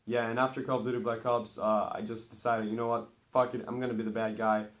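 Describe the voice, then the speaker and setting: This teenage vlogger from Brazil, raised speaking Portuguese, chats to his camera with a flat delivery and a quick pace, rambling cheerfully at an everyday pitch. He grows louder and brighter at the start of each new numbered item.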